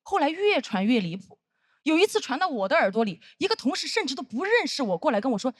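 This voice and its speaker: A woman in her thirties performing a stand-up comedy set on stage, telling stories with animated acted-out voices. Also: high voice, quick pace, no echo, clean studio sound. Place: comedy stage with live audience.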